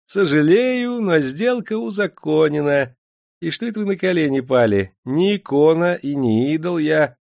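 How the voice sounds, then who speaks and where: A man voicing a sly, pudgy male official who talks in a sweet, ingratiating, unhurried way in a storybook reading. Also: on the high side, creaky, dry recording, clean studio sound, pitched above the performer's own voice. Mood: sweet, smug. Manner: honeyed, unhurried, smugly calm.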